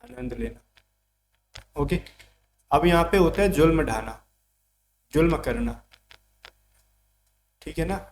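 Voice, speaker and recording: Male tutor, slightly raised pitch, patient step-by-step explainer, faint background hum. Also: sing-song, takes it slowly, vocal fry, long pauses. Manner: explains step by step with repeated checks. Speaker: teacher. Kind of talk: exam vocabulary lesson.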